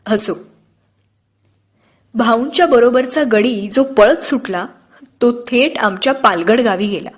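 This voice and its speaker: Breathy woman narrating an audiobook. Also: on the high side, takes it slowly, pauses often.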